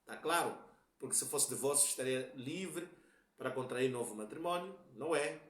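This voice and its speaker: A man's voice: mid-range voice, expressive, moderate pace, fairly bright tone. Man, Mozambican Portuguese accent, religious lecture, patient explaining, repeats key points, echoey room. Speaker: religious teacher.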